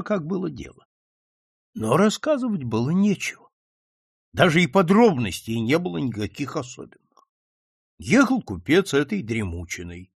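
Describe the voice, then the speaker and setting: A man narrating an audiobook in an expressive storytelling manner. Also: medium pitch, gravelly, husky, no echo, studio quality. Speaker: audiobook reader. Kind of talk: scripted narration.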